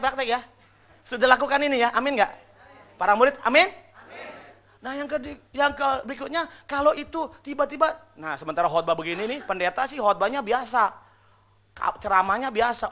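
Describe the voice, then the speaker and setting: A man preaching a sermon to his church in a casual, lively way, acting out the congregation's responses and joking with them. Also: very high-pitched, muffled recording. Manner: lively, acts out congregation responses and mimics whispered prayers. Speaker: pastor. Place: church service.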